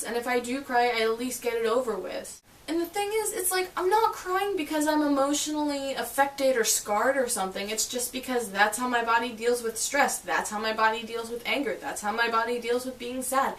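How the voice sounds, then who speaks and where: A woman's voice: on the high side, normal speed, fairly bright tone. A woman talking to camera in a casual, self-deprecating vlog, chatty and emphatic. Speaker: vlogger. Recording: echoey room, mic at a distance, faint hiss.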